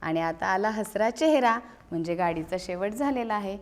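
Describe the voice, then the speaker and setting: A woman's voice: medium pitch, animated, normal speed, crowd noise. Patient Marathi-speaking woman teacher. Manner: patient, coaxing, asks questions and repeats answers. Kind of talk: classroom demonstration of a teaching aid.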